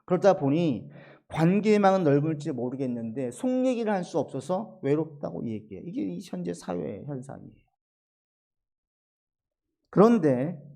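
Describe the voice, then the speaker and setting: A middle-aged man delivering a sermon as pastor, with a somewhat high-pitched voice. He moves between hushed, low asides and forceful, raised lines as he acts out what others said. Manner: swings between soft low asides and raised, emphatic acted-out quotes.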